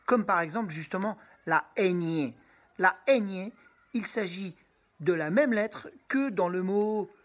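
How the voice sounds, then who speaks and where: A woman teacher giving a pronunciation lesson, patiently explaining and repeating sounds slowly while speaking directly to the student. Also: lowish voice, slightly rough. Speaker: Spanish teacher.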